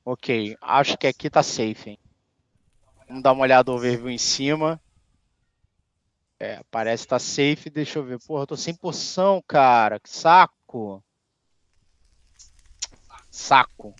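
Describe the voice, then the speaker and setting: Man from Rio, game streamer, laid-back, slangy, mid-pitched, muffled dry audio. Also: normal speed, clean tone, no echo. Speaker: streamer, co-host. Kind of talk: casual gameplay livestream chat.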